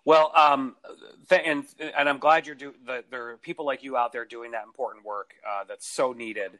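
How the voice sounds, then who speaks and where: A male host leads a casual interview with effusive, enthusiastic praise for his guest. His voice is bright and forceful, at an ordinary pitch. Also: steady tone, moderate pace. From Michigan and Georgia, USA.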